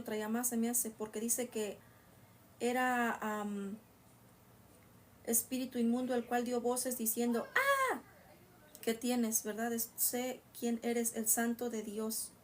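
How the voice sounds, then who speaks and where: A woman's voice: a little high, far from the mic, a little hiss or hum. A woman reading Bible verses aloud and explaining them to listeners in a casual, rambling way. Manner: reads a verse slowly, then explains it in rambling asides to listeners. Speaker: Bible teacher.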